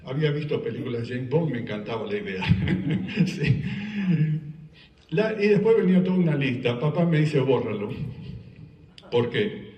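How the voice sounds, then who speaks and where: His mid-range voice has lively intonation and a moderate pace, with frequent pauses. This Argentine man, speaking with an Argentine Spanish accent, tells personal stories and jokes with a live audience during a talk in an event hall, recorded lo-fi from a distance amid echo.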